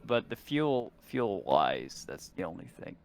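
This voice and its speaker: A man chats casually while playing a tabletop game, halting and musing as he goes. His voice is low, sing-song and creaky, and there's faint noise on the recording.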